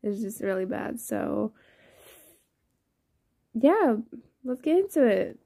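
A tired young woman with a rough early-morning voice rambles through her channel intro, full of fillers and apologies. Her tone is mellow and dark, and her pace is very slow. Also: a little high, big pitch swings. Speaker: audio drama creator. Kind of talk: casual intro chat.

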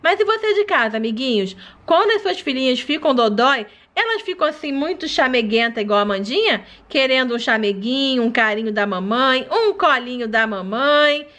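A woman's voice: high-pitched, lively intonation, moderate pace, hardly any pauses, a bit bright. A woman hosting a doll play video, talking to her doll in a sweet, doting motherly tone. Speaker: channel host.

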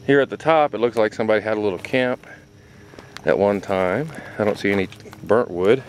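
A middle-aged man with a somewhat low voice talks to his camera as he hikes across a mountain top. His chat is relaxed and rambling. Strong wind roars across the camera mic outdoors. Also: a little fast. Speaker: hiker filming himself. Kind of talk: casual spoken hiking commentary. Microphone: handheld camera mic.

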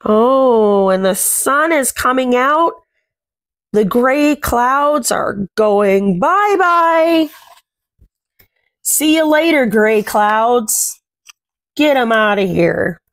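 Her voice leans high, with lively intonation and a very slow delivery, and the recording has no room sound. A young woman children's read-aloud host, she reads a picture book to small kids from a small indoor room at home, expressive and sing-song, chatting as she reads.

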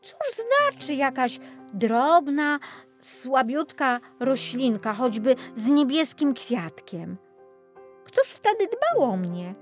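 A vain talking linen cloth from a storybook fairy tale, voiced by a woman reader, exclaiming over its own beauty. The voice sits fairly high and leaps about with lively swoops of pitch. Quiet music plays softly underneath. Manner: exclaiming, self-admiring, lively rises in pitch. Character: proud, boastful piece of linen, once a small flax plant. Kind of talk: audiobook fairy tale reading. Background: faint music.

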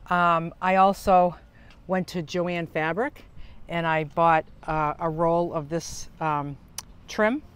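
Outdoors by the open side door of a camper van, a senior woman vlogger talks through a chatty, casual how-to tour while using her hands. Her mid-range voice sounds smooth, picked up by a small clip-on lavalier mic.

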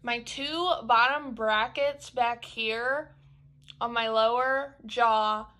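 A woman's voice: on the high side, steady tone, takes it slowly, sharp tone. A young woman vlogger chatting casually to camera, her speech a little altered by braces and a palate expander, rambling with lots of fillers.

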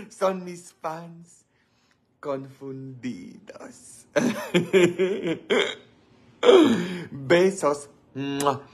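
A priest, chatting playfully with viewers on a livestream, teasing them and laughing often. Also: male voice, mid-range voice. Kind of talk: joking livestream chat with viewers.

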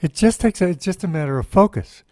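A man's voice: high voice, lively intonation, quick pace, darkish tone, no room sound, studio quality. A man hosting a casual interview, amused and encouraging his guest. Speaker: host.

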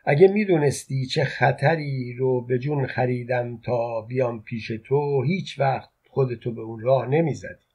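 A man reading the lines of a tender, insistent woman who is an old flame, in a soft, intimate way, with a husky voice. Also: mid-range voice. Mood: pleading.

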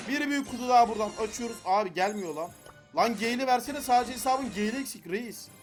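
A young man giving excited gameplay commentary, frustrated and pleading with the game as he opens loot boxes. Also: very high voice, fast talker, faint music behind. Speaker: gaming YouTuber.

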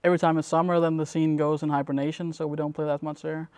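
Smooth-voiced young Danish-born man. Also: on the high side, fast talker, no echo. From Denmark. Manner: relaxed, rambling with many fillers. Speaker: interviewee, competitive gamer. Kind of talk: casual interview answers. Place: dim indoor room at a gaming event.

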